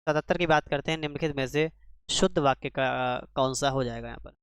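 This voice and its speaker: A man's voice: mid-range voice, fairly quick, clean tone, no echo, clean studio sound. A man teaching a spelling lesson for exam preparation, quizzing the class with rhetorical questions and repeating each answer. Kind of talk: exam-prep grammar lesson.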